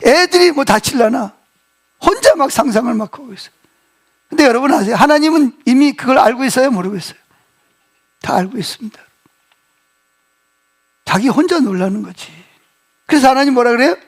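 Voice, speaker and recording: A male pastor preaching a sermon, telling the story with lively acted-out quotes and questions to the congregation. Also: very high voice, brisk, pauses often. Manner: animated storytelling, acting out quoted speech, asking the congregation questions. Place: church sanctuary.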